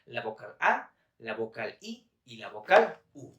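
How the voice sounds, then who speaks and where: A man's voice: mid-range voice, very animated, measured pace, fairly bright tone, reverberant, far from the mic. Chatty man teaching on a live stream. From Bolivia. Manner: chatty, laughing, reads viewer comments aloud. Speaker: Quechua teacher. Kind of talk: live-stream language lesson.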